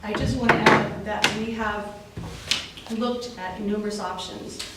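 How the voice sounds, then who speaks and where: Sex: woman. Role: business owner. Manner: brief, polite, firm. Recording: distant, very echoey room, loud noise. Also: mid-range voice, steady tone, unhurried. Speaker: golf club owner giving a statement. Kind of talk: public comment at a hearing. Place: township meeting room.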